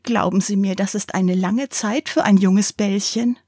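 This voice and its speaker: A woman's voice: medium pitch, steady tone, unhurried, mellow, husky, no echo, studio quality, pitched above the performer's own voice. Woman voicing a prim, chattering old toy ball. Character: old water-soaked male ball, chatty and vain.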